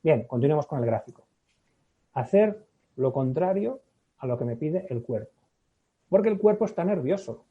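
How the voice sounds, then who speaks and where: A man with a Spain Spanish accent, a public speaking expert explaining as a podcast guest. He talks in an animated way, acts out little scenes and keeps checking in with "¿no?". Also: fairly high pitch, moderate pace, long pauses, husky. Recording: thin phone-like audio.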